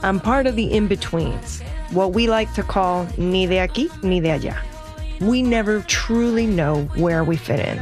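A woman's voice: mid-range voice, normal speed, darkish tone, soft background music. A woman in her thirties narrating a documentary as host, in a reflective, earnest storytelling way. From United States.

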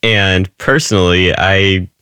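A man's voice: deep voice, fairly even intonation, takes it slowly, bright, forceful tone, smooth, no room sound, clean studio sound. A man from Rhode Island, an illustrator, answering interview questions candidly with small laughs. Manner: candid, laughs between points. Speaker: illustrator guest.

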